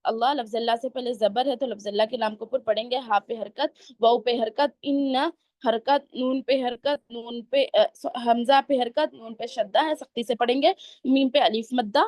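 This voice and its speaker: A high-voiced woman teaching recitation rules. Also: fairly even intonation, a little mellow, no room sound, clean studio sound. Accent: Pakistani Urdu. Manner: methodical, naming each letter and vowel mark in turn. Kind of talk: tajweed lesson, spelling out rules then slow recitation.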